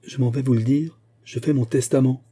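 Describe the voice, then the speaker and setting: A man reading a powerful old musketeer in an audiobook who has turned gloomy and superstitious. He speaks earnestly and heavily, a little above a dark, husky narrating voice. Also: mid-range voice, steady tone, normal speed, voice pushed up, lightly acted. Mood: solemn. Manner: brooding, earnest telling of family omens. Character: Porthos, strong aging musketeer, gloomy and superstitious.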